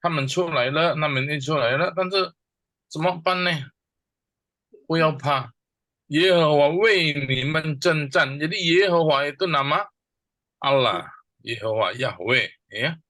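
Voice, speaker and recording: A man's voice: a little high, sharp tone, no room sound. A man teaching a Bible verse in a church class, explaining it word by word and asking and answering his own questions. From Indonesia. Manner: slow and deliberate with many pauses. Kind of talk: teaching a Bible verse, mixing two languages.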